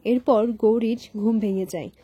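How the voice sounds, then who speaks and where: Brief: woman story narrator, husky, mellow, dry close mic. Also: medium pitch, moderate pace, no room sound. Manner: steady, plain storytelling. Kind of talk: retelling a TV serial episode.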